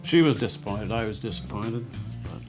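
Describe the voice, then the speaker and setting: A man's voice: lowish voice, moderate pace, over loud music. A man, a turkey guide, recalling a hunt in a plain, matter-of-fact way. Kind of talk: casual interview recollection.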